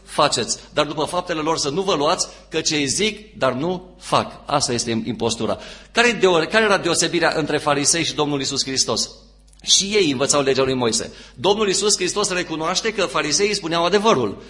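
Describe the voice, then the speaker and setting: A man preaching a sermon as pastor, stressing phrases with repetition and dropping to quiet, low asides. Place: church.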